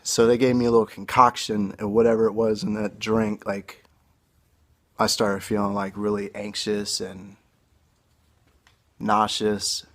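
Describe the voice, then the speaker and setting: A young man telling his own story as an earnest, halting and emotional personal testimony, recorded on a phone camera. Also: on the low side, level tone, a bit bright.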